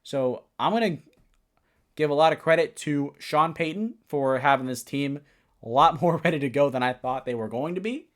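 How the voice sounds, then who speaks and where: A man's voice: a little high, normal speed. A young man hosting a casual solo football recap, rambling, correcting himself and giving blunt opinions. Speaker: sports podcast host.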